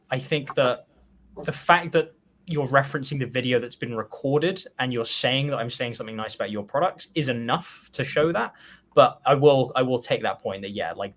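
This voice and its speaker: Man, casual critique, hedging, lots of ums, mid-pitched voice. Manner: relaxed, hedging, many fillers and restarts. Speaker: co-host reviewing copywriting.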